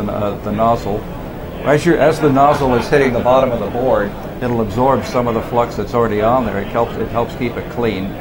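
A man on a trade show panel, explaining a technical process with halting restarts. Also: medium pitch. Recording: noisy trade show hall.

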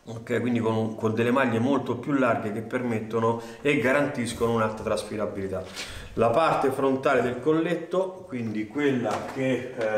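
A man's voice: mid-range voice, slight background noise. A man in his thirties presenting a product, explaining step by step with frequent fillers and "right?" check-ins. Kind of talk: product demonstration. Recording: roomy studio echo.

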